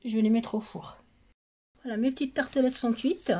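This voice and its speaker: Hoarse lady walking thru her buffet food, mellow husky voice, lots of euh and pauses. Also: fairly high pitch, fairly even intonation. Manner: chatty, hesitant with many fillers. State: hoarse, sore throat. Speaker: home cooking vlogger. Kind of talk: casual cooking and decor walkthrough.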